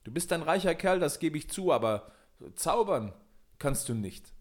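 A young fairy-tale charcoal burner with a raised, lively voice, bold and quick to mock, as a man puts him on. He sounds younger and higher than the narrator. It is a storybook voice. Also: lightly acted.

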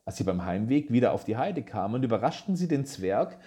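A storybook narrator reads a fairy tale at a calm, measured pace. The pitch stays lively and animated throughout.

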